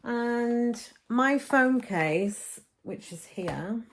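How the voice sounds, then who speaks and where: A woman's voice: on the high side, expressive, extremely slow, slight background noise. A woman chatting to camera in a casual shopping haul vlog, recorded as a phone video while she unpacks her shopping. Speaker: vlogger. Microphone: phone camera, filmed as a phone video.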